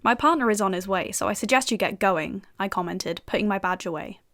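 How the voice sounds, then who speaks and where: A woman's voice: medium pitch, fairly quick, fairly bright tone, lightly acted. A British woman playing a wry young FBI agent. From United Kingdom. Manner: dry, sardonic asides. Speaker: narrator and lead character, an FBI agent. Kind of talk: first-person audio drama narration.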